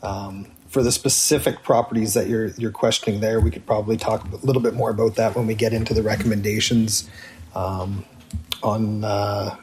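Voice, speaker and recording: Man, slightly low pitch, official meeting explanation, hesitant halting delivery. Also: level tone, a little mellow, a little hiss or hum. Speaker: official explaining tax policy.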